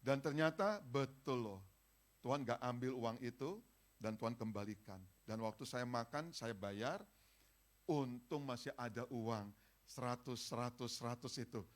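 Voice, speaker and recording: A male pastor delivers a sermon at a church service with a mid-pitched voice. He speaks to the congregation in a conversational way, urging them on with loud calls and then dropping into quiet, pleading tones. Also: a little slow. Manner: lively exhorting, swings from loud calls to soft pleading.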